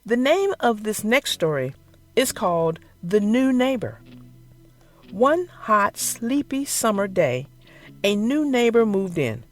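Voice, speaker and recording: In a mid-range voice with no echo, a children's storyteller reads a script aloud with lively, swooping intonation. Her delivery is theatrical and deliberate, pitched at young listeners, with faint music playing in the background.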